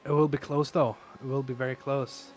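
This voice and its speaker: A man calling a sim race live, talking through his race-day hoarseness with lots of fillers and restarts. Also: medium pitch, brisk. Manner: excitable, many fillers and restarts. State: voice wearing out. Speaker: race commentator. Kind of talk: live sim racing commentary. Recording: noisy stream with engine sounds. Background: race car engine noise.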